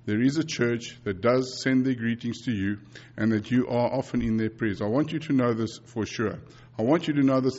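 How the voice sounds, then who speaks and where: A South African man in his fifties, a native Afrikaans speaker with a South African accent, preaches earnestly to a congregation in a sermon and mission report. His medium-pitched, darkish voice comes through a muffled recording, with repeated phrases and frequent restarts.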